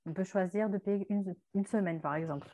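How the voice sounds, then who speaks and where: A woman teaching Portuguese words in a relaxed French lesson, explaining patiently with many fillers and mixing in Portuguese terms. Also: medium pitch, a little fast. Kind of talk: language lesson chat.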